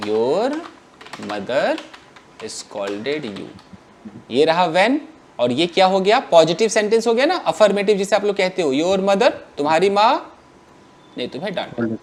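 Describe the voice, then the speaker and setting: Male English teacher, very animated delivery, faint background noise. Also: high voice. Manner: animated, questioning the class and answering himself. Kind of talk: classroom grammar lesson.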